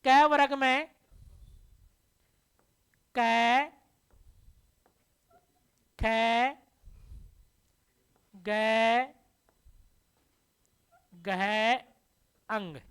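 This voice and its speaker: A woman teacher leads a slow, patient classroom lesson. Her voice sits high. She speaks to the students as dear children, putting questions to them and answering each one herself so the terms stick. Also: steady tone, clear, resonant tone. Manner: addresses listeners as dear children.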